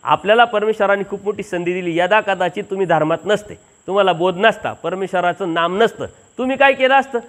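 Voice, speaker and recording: High-voiced man preaching at a village satsang. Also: fast, hardly any pauses, a bit bright. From Maharashtra. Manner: acts out the dialogue of the people in his story, earnest and homely. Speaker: Mahanubhav preacher. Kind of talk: village satsang sermon with storytelling.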